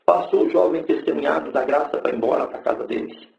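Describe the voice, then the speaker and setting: Man, fervent church testimony; gravelly, fairly high voice; echoey, dull, lo-fi church recording. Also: fast talker, a little mellow. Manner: fervent storytelling, rising to exclaimed praise. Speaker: church member giving testimony. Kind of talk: religious testimony to a congregation.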